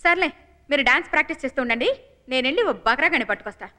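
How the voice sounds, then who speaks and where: A brisk, commanding dance teacher in a film comedy. She speaks very fast in a high, bright voice and hands out orders with ease. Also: lively intonation. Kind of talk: comic film acting.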